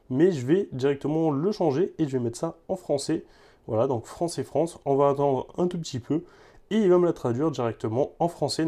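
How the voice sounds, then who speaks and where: A man with a soft, mellow voice talks through a gadget demo in a loose, easygoing way. He leans on filler words and often repeats himself as he goes. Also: medium pitch. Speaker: tech reviewer. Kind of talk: casual product demo.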